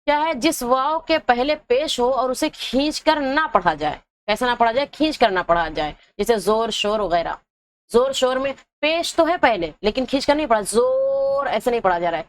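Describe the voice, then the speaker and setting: Lady teacher going over grammar, asks then answers herself, kinda high voice, stretches the example words. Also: a little hiss or hum. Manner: asks her own questions and answers them, repeating terms slowly; drags out example words to show their pronunciation. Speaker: Urdu teacher. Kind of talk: exam-prep lesson.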